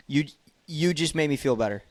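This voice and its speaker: A man's voice: fairly high pitch, expressive, brisk, no room sound. A young man hosting a sports podcast, leading the talk and making emphatic points with scores and stats. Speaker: podcast host. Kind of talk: casual sports podcast chat.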